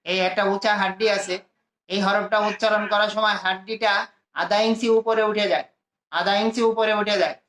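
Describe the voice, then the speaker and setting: A man from Bangladesh teaching a class to pronounce Arabic letters, slowly repeating each sound for his students. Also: high voice, steady tone, a bit bright. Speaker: Quran teacher. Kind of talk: classroom lesson. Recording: echoey room.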